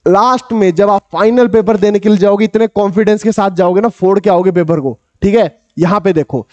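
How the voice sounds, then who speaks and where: Male maths tutor, young, high mellow voice, coaxing and repetitive, dull dry recording. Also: a little fast, no echo. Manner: coaxing, repeats questions to the class, calls himself big brother. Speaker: maths teacher. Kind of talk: energetic tutoring lecture.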